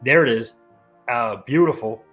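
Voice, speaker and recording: A man's voice: mid-range voice, moderate pace, fairly bright tone, faint music behind. A male wrestling show co-host chatting casually and analytically, with enthusiasm and appreciation.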